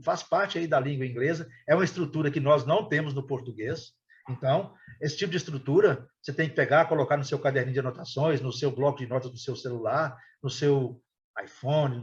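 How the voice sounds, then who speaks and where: Hesitant man teaching online, muffled audio. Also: on the high side. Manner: hesitant, repeats words, many fillers. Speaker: English teacher. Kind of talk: online class explanation.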